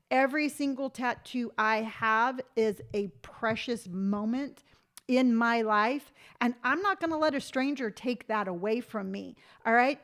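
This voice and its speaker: Woman, late 50s, live-stream host; slightly high, emphatic and animated, close phone mic. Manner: emphatic, animated storytelling, reads viewer comments aloud. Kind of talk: casual live-stream chat.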